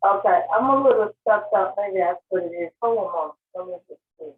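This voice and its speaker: A woman's voice: medium pitch, brisk. A woman speaking hesitantly on a team call over a muffled speakerphone or earbuds. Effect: muffled speakerphone or earbud sound. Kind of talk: casual chat. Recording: tinny muffled phone-call audio.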